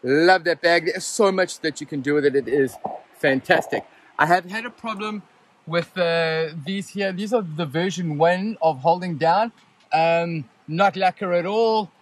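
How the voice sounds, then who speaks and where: Holding his phone camera at arm's length, a talkative man from Southern Africa gives a casual hands-on review of his rooftop tent, starting inside it and moving outside next to a vehicle in the bush. He speaks unhurriedly in a rather high voice, rambling with frequent ums and restarts, over a little hiss or hum.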